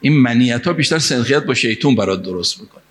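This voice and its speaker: A man's voice: medium pitch, animated, a little hiss or hum. A man from Mashhad preaching a sermon, telling a story and reciting Arabic phrases and verse, rising to emphatic peaks. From Mashhad, Iran.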